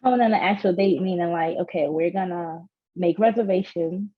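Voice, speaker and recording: A woman's voice: lowish voice, normal speed, phone-quality sound. A woman from Guyana, a guest on a casual chat, talking in a nervous, hesitant way with many fillers and giggles.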